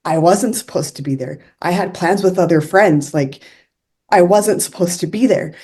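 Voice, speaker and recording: Young woman, casual storyteller, low warm voice, chatty with lots of fillers, earnest. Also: moderate pace, slightly rough. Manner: chatty, many fillers like "like" and "I'm like"; earnest, confiding.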